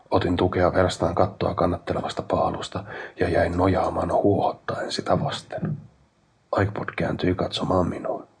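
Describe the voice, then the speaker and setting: A man narrating a scripted horror audiobook in a hushed, unhurried way. His voice is very low and gravelly, with a strong husky, breathy grain.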